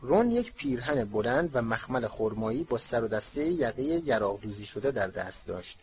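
A man narrating an audiobook in an even, steady reading voice. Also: medium pitch. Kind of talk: storybook narration. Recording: slightly dull recording, faint hiss.

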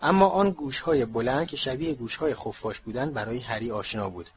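Male audiobook narrator, steady measured reading, middle pitch, dull lo-fi recording. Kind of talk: scripted storybook narration.

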